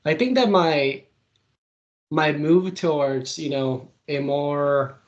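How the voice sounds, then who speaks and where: Answering an interviewer's questions, a young political commentator from Venezuela talks in a voice on the high side, with the highs cut off. His manner is casual and lively, packed with fillers and rapid bursts of speech.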